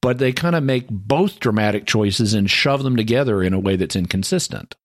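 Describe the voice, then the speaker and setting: Guy on a podcast breaking it down, kinda low voice, dry close mic. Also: animated, a little fast, no echo. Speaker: podcast co-host. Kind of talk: casual discussion.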